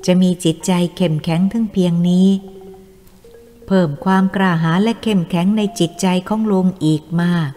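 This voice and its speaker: A woman narrating a Thai audiobook story in a steady, measured reading voice. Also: lowish voice. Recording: long reverb, faint music.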